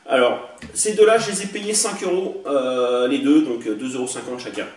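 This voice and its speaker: At a moderate pace and in a medium-pitched voice, the toy-collector vlogger chats hesitantly about his newly bought toy blasters, full of fillers. The casual demo was captured indoors on a distant camera mic, in an echoey room with faint hiss.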